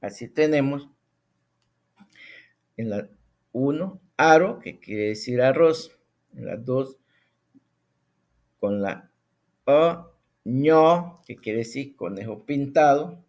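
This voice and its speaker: A man teaching a recorded language lesson, speaking slowly and deliberately and repeating sounds for the listener to practice. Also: mid-range voice, warm tone.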